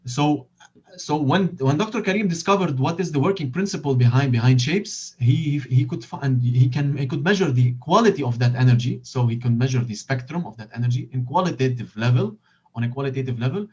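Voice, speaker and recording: The recording is lo-fi and heavily compressed, taking the edge off a man's medium-pitched voice. He is a non-native English speaker answering as an interview guest. His explanations come haltingly, with repeated phrases as he searches for the next word. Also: a little mellow, slightly rough. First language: not English. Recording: dull, compressed lo-fi audio.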